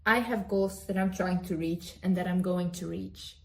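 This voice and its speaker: A woman's voice: on the low side, steady tone, normal speed, vocal fry, darkish tone. A young woman giving an emphatic, direct-to-camera motivational pep talk, repeating phrases for emphasis. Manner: talks about herself in the third person. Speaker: motivational vlogger.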